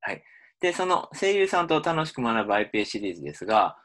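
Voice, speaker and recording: A man's voice: medium pitch, very animated, quick pace, fairly bright tone. A man, a university linguistics lecturer, explaining in a recorded lecture with frequent um fillers.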